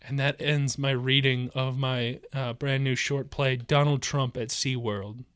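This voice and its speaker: A young man co-hosting a podcast, chatting casually with deadpan, absurd jokes. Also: medium pitch, a little slow, clean tone, no echo, studio quality. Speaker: podcast co-host. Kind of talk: casual comedic chat.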